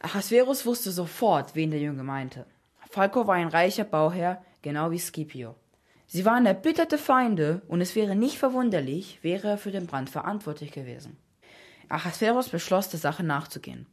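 A woman reading out a story in a scripted narrating style, pausing to explain old terms. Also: fairly low pitch, lively intonation, a little mellow. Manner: explains Latin terms as she reads.

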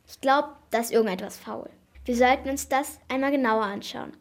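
A woman's voice: high-pitched, a little fast. A woman voicing a clever, determined young girl who is investigating a ghost in a storybook. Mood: eager.

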